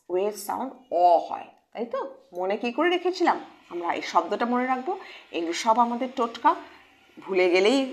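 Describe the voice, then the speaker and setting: A woman teaching English phonics to children in a lively, questioning way. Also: a little high. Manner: animated, questioning teacher voice addressing kids. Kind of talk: children's lesson.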